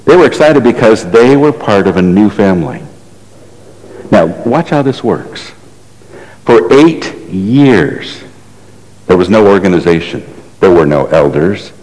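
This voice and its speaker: A man's voice: on the low side, lively intonation, a little slow, long pauses, a little mellow. A man preaching a sermon, telling a story in a conversational way and asking the congregation rhetorical questions. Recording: echoey hall reverb.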